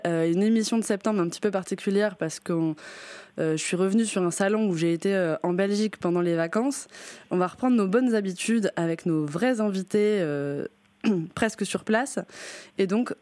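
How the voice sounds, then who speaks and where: A woman's voice: medium pitch, normal speed, a little mellow, no room sound. Female radio host, friendly, chatty, close dry studio sound. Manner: friendly, chatty, lightly joking. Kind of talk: radio interview hosting.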